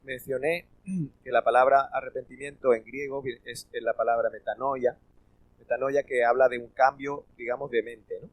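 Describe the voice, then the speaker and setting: A man leads a Bible study in a middle-pitched voice, recorded close and dry with no room sound. He reads passages slowly and stops often to check that his listeners are following. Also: steady tone, dry recording, poor audio. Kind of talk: church Bible study teaching.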